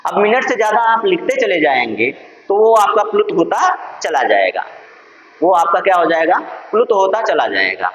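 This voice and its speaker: A man's voice: high voice, big pitch swings, moderate pace, a bit bright, a little hiss or hum. A male teacher with a Purvanchal Hindi accent giving an exam-prep lesson on Sanskrit sounds. He keeps asking his own questions and answering them. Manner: addresses viewers as friends, asks and answers his own questions. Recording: dull lo-fi sound.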